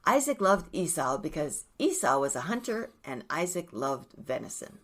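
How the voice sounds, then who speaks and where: Curious woman with a lively, low voice. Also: moderate pace. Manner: curious, asks questions and makes light jokes. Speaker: podcast co-host. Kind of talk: casual Bible-reading chat.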